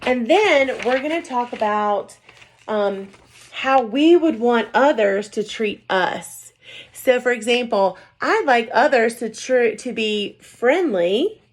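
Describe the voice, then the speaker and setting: Female teacher, bit high voice, gentle sing-song read-aloud for little kids. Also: lively intonation, slow. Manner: gentle, sing-song, often checks in with "right?" and "okay?". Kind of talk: reading a picture book aloud to young children.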